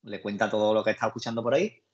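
Rapid-fire and lowish in pitch, a Spanish-accented man from Spain co-hosts a podcast about a series. It's a relaxed chat where he rambles through the scenes in everyday slang, and the recording is muffled and lo-fi.

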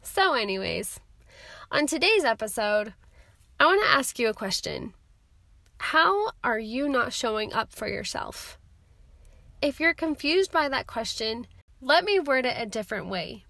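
A woman's voice: on the high side, sing-song, measured pace, gravelly, sharp tone, no room sound. A young woman hosting her own self-help podcast, upbeat and chatty while talking through a summer cold. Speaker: podcast host.

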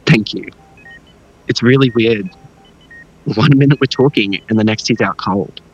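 An actor playing an anxious, devoted, haunted man in an audio drama, earnest and worried, with a husky voice. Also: lowish voice, a little slow, highs cut off. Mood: subdued.

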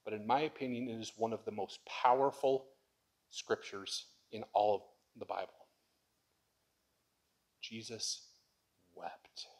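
A man's voice: on the low side, normal speed. Man preaching a conversational sermon. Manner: conversational preaching, swings to loud impassioned lines. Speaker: pastor.

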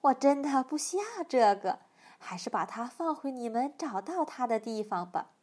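A woman's voice: fairly high pitch, animated, moderate pace, darkish tone. A woman doing a shrieking frail old lady. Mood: scolding. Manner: shrieking exclamations. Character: small frail old woman, shrill and excitable.

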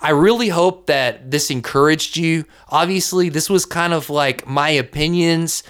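A young man hosting a faith podcast, talking earnestly and casually with lots of fillers and lively swings in pitch. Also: a little slow. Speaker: podcast host. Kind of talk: faith encouragement podcast talk.

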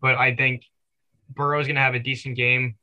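Bright-voiced co-host rambling about football. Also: male voice, medium pitch, level tone, normal speed, low-quality recording. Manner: rambling, full of "you know" fillers. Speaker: podcast co-host. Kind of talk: casual sports talk.

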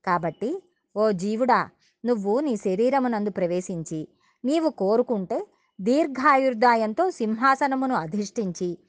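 A woman's voice: a little high, expressive, a little slow, dry recording. A woman voicing an old male divine sage who speaks in a solemn, invoking way.

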